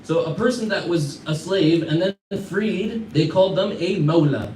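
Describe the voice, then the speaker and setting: A man's voice: sits high, normal speed, a little mellow. An American man giving a storytelling lesson to a class, talking conversationally, quizzing his listeners and chuckling through anecdotes. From United States. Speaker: teacher. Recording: echoey room, mic far off, faint background hum.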